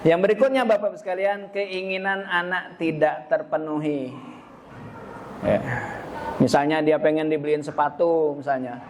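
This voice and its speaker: A man's voice: on the high side, fairly even intonation, normal speed, noisy background. A man giving a chatty seminar talk to parents, addressing them directly. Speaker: speaker at a school parenting seminar.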